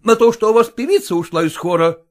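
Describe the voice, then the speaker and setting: A smug, fawning merchant of the old days, as a male audiobook reader plays him, placating but unbending. His speech is drawn out and overly polite, with a fairly high, lively voice. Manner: obsequious, drawn-out, adding a polite "-s".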